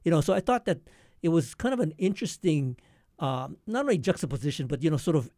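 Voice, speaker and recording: A male radio host with a fairly high, mellow voice is recorded close and dry, with no echo. He speaks conversationally, haltingly searching for words as he works toward each question.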